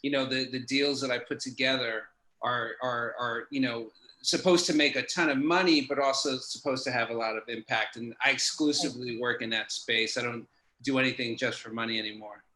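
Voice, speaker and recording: A thoughtful man talks as an interview guest in a bright, forceful voice. His words come over a video call from a room with a noticeable echo. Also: medium pitch, steady tone, a little fast. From New York. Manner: thoughtful, many fillers and restarts. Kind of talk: casual interview talk. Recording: echoey room.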